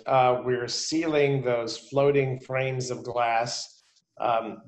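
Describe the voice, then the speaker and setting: A middle-aged man walks through an explanation on a video call, restarting phrases and filling gaps with uhs. His voice is at an average pitch for a man. The room around him rings with echo. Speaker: panelist. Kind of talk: casual panel discussion.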